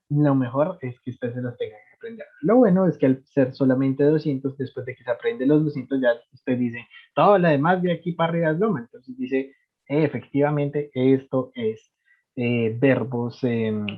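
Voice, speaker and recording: A man, explaining English grammar to a class over a video call, chatty and repeating words as he goes. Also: medium pitch. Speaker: English teacher. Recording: tinny phone-like line.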